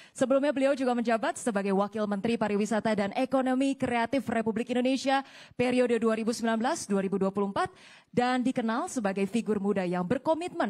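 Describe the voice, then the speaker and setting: A young woman with a high, bright-pitched voice hosts a live talk show on a campus stage. She chats with the crowd, teasing them playfully between introductions. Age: young adult. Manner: chatty, teasing audience banter. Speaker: event host. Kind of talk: lively stage hosting.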